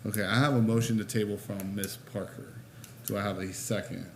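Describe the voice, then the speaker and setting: A man with a lowish voice chairs a city board meeting in a council chamber. He moves through the formal steps in a relaxed way and makes light jokes between them. The recording is noisy and carries the room around him. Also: fairly quick.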